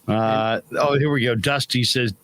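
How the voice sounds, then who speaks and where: A man's voice: medium pitch, steady tone, measured pace, fairly bright tone, slight background noise. A middle-aged man hosting a casual chat over a video call, wisecracking and reading chat comments aloud. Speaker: host.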